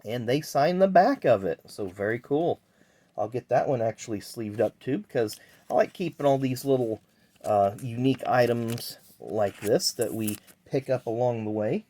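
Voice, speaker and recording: A man's voice: mid-range voice, moderate pace, mellow. A man hosting a casual card-collecting vlog, talking in a chatty, rambling way with fillers. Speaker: channel host.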